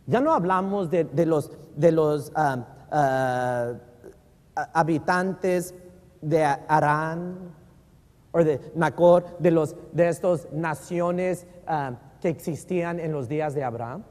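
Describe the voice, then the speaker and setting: A male pastor preaching a sermon in Spanish, mixing in English phrases and drawing words out slowly for emphasis. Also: fairly high pitch, a little mellow. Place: church sanctuary. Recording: long reverb of a church hall.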